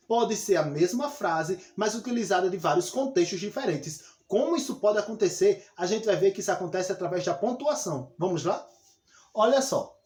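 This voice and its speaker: A man's voice: sits high, darkish tone. A man with a Brazilian Portuguese accent teaching a lesson, explaining step by step and talking straight to his students. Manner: explanatory, addresses students directly with frequent "olha só". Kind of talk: classroom lesson. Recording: echoey room.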